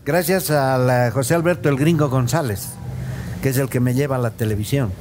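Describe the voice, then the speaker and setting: Relaxed Bolivian man in his sixties. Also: mid-range voice, fairly quick, background noise. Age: 60s. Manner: relaxed storyteller, repeats words, calls the host brother. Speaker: podcast guest, comedian and dental technician. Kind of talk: casual interview chat. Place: studio set with a round table, at night.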